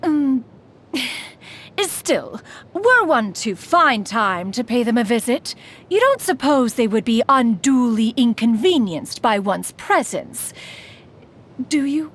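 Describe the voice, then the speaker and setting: A lofty immortal crane spirit. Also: female voice, fairly high pitch, very animated, takes it slowly, heavily acted. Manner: formal, archaic speech, calls herself "one"; haughty yet teasing. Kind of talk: video game character voice lines.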